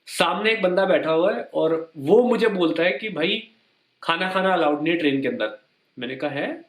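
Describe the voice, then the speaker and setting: A man's voice: a little high, moderate pace, fairly bright tone, reverberant. A young Indian man telling personal stories in a casual, conversational way, slipping English words into his speech and acting out the lines of the people in them. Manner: conversational, mixes in English words, acts out quoted dialogue. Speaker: vlogger. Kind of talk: personal storytelling to camera.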